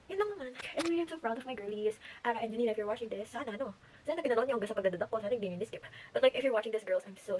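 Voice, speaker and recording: Teen girl vlogger with a slightly high voice, talks very fast, animated. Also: slight background noise, rough recording. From Philippines. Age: late teens. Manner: chatty, animated, mixes English into Tagalog. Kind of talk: casual storytelling vlog. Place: at home.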